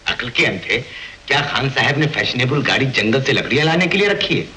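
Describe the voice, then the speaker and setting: An actor playing a stern commanding officer who scolds and gives curt orders, in 1950s film acting. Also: male voice, medium pitch, expressive, a little fast, pushed and bright. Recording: echoey old film track with music.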